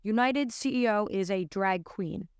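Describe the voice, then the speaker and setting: With a mid-range voice and measured pace, an American commentator in her twenties offers emphatic, incredulous opinions to camera as a show host. The smooth, dry recording comes from a close arm-mounted studio microphone in a small indoor studio.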